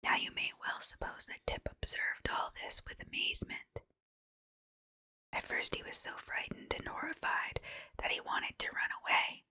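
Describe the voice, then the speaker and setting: A woman's voice: moderate pace, pushed and bright. A woman reads a children's storybook under her breath in an ASMR style, in an unvoiced whisper.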